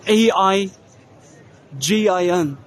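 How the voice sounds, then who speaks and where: Slow-talking man on an expo walking tour. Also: high voice, a faint crowd. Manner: unhurried, spells out names letter by letter. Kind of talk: casual walk-and-talk narration. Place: large indoor trade expo hall.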